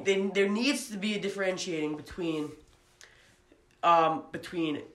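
A young man with a high voice talks in an earnest, casual way, often stopping to restart his sentences. He co-hosts a podcast, and his voice rings in an echoey room. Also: fairly bright tone. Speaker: podcast co-host. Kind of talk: casual opinion talk.

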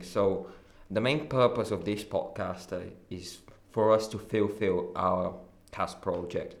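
Teen boy co-host, slow and low, echoey room. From Bulgaria. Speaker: podcast co-host. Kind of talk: casual explanation.

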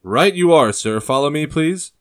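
A man's voice: a little high, expressive, normal speed, voice pushed up, lightly acted. A man doing an eager deferential foot soldier.

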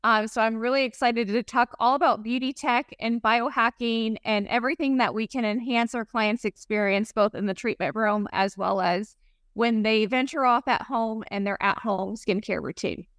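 A woman's voice: a little high, steady tone, moderate pace, a bit bright, clear, resonant tone, no room sound, clean studio sound. A middle-aged woman talking casually and emphatically as a guest expert in an interview. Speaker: podcast guest, esthetician and company founder.

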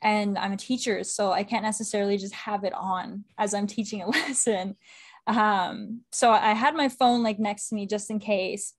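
A young woman from Canada, chatting enthusiastically as an interview guest, full of fillers and quick laughs. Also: mid-range voice, fairly even intonation. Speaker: guest, women's football correspondent. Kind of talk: casual interview chat.

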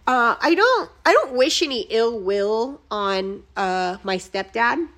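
A woman in her thirties, a podcast host, telling a painful personal story in an emotional, profane, halting way, close to tears. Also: on the high side, sing-song, fairly bright tone.

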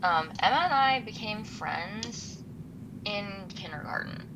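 A woman's voice: mid-range voice, lively intonation, slow pace, a bit bright, lo-fi sound, slight background noise. A nineteen-year-old woman from California, telling stories on a casual podcast with detours and self-corrections. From Los Angeles, California. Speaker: podcast co-host. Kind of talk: casual storytelling chat.

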